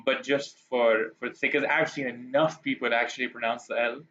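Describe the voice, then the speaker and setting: A gaming streamer with a mid-range, slightly bright voice talks a little fast in a steady tone, with the highs cut off. He chats casually to his stream chat while playing, rambling and poking fun at himself.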